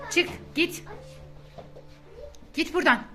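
A woman's voice: slow pace, fairly bright tone. A woman playing a mother in a children's family skit, scolding and repeating her daughter's name again and again. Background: background music.

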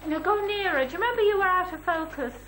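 A woman's voice: extremely high pitch, animated, fast talker. A woman bossily calling out instructions and teasing remarks during a family home video, heard on an old VHS tape. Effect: old VHS home video tape sound. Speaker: family member directing the filming. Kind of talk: casual home video chatter. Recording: noisy, echoey old VHS tape from off-mic.

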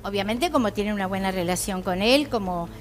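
A woman's voice: medium pitch, expressive, brisk, faint music behind. A woman in her sixties with a Buenos Aires accent, telling her story in a talkative, emphatic way as an interview guest. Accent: Argentine Buenos Aires. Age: 60s. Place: TV studio, music behind.

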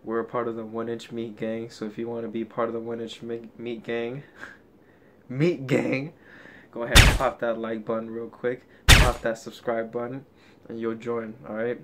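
A man's voice: mid-range voice, level tone, fairly quick, a bit bright. Laid-back young man vlogging, faint noise. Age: young adult. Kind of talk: casual vlog chat. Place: small rooms at home, car. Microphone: phone at arm's length. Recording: faint background noise, phone recording.

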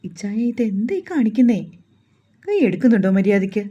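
A shy, flustered young bride-to-be, voiced by a woman storyteller. She scolds in a lively, breathy voice with a dark, mellow tone. The audio is slightly dull and lo-fi. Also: medium pitch, brisk. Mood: flustered scolding.

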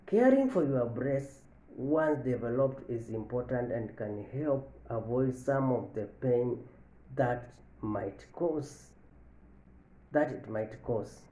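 A man in his thirties giving a health lesson to camera from an office, slowly repeating each point and stressing the key lines. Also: medium pitch, expressive, dark tone. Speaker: medical educator. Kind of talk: health education talk to camera. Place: office with large window, indoors. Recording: echoey room.

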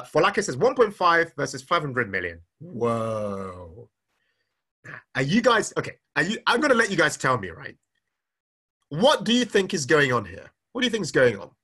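Lively, husky-voiced man teaching money live. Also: fairly high pitch. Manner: energetic, repeats questions, reads comments aloud. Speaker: finance speaker. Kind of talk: live-streamed teaching talk.

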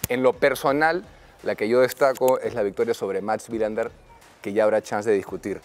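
A man's voice: fairly low pitch, steady tone, normal speed, darkish tone. Male host, faint outdoor noise. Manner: friendly, orderly, with hesitant fillers. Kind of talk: casual interview. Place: outdoor tennis court.

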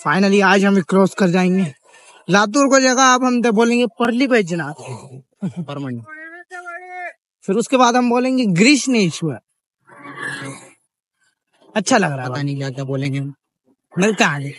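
A man's voice: high voice, expressive, normal speed, long pauses, a bit bright, no echo. Chatty young man vlogging on foot. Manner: chatty, jokey, upbeat, religious greetings. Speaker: walking pilgrimage vlogger. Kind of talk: casual vlog narration while walking.

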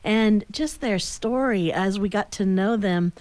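American woman, middle-aged talk radio host. Earnest, explanatory delivery, medium pitch, close and dry studio sound. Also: measured pace, a little mellow, dry recording. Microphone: studio boom microphone with headphones.

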